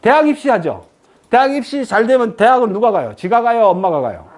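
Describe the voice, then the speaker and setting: A woman's voice: a little high, brisk. A woman giving a lecture, asking the audience frequent questions and answering them herself. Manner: lively rhetorical questions to the audience.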